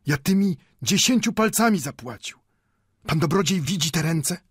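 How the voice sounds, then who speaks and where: Brief: an old bookbinder with a Yiddish accent, high and lively, proud and fervent, in a storybook reading. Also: male voice, a little slow, breathy edge, no echo, studio quality. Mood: impassioned. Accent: Yiddish-inflected Polish. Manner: pleading, rhetorical questions, rising to fervor. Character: old male bookbinder, impassioned, wry, proud.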